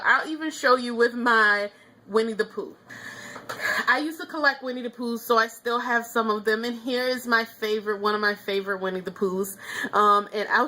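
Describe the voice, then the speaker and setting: A woman's voice: fairly high pitch, bright, forceful tone. A woman vlogger giving a casual, chatty nail polish review, opinionated, with frequent ums and small laughs.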